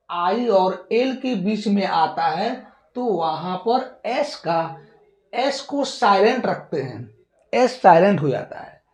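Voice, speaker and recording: A woman's voice: mid-range voice, a little mellow. A woman teaching English pronunciation rules who repeats each rule and poses questions she then answers herself. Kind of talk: classroom-style pronunciation lesson. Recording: echoey room.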